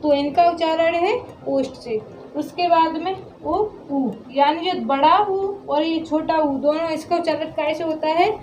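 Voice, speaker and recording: A woman's voice: high-pitched, fairly even intonation, a little slow, darkish tone, echoey room, a little hiss or hum, poor audio. A woman teaching Hindi pronunciation, sounding out syllables one by one and answering her own questions. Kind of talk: classroom lesson on pronunciation.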